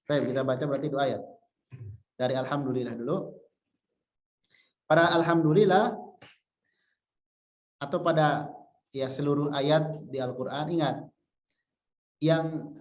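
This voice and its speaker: A man's voice: on the high side, darkish tone. A male religious teacher giving a Quran recitation lesson, patiently repeating syllables to show correct pronunciation. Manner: chants example verses slowly. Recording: echoey room, dull lo-fi sound.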